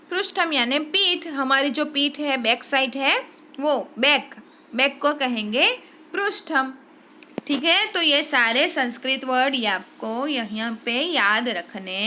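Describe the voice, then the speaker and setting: A woman teacher with an Indian Hindi accent, speaking slowly and patiently in a high, bright voice. She repeats each word and checks in often with her students. A faint background noise sits under her voice. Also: expressive. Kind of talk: classroom lesson.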